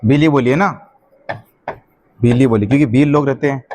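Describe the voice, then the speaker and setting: A man's voice: mid-range voice, normal speed, darkish tone, a little hiss or hum. Man teaching with repeated questions. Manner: repetitive, quizzing students with questions and answering them. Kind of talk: classroom lecture dictating notes.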